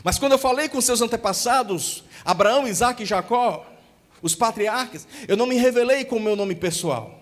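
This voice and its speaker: A Brazilian man with a northeastern accent, preaching a youth-service sermon as pastor and slowing down to stress sacred names. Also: very high voice. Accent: Brazilian Portuguese, northeastern. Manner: teaching, slows to stress holy names.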